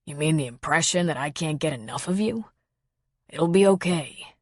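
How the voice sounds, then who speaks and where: A woman voicing a grown man with a husky, gravelly voice and a low, intimate, unhurried way of talking. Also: lively intonation, dry recording, clean studio sound.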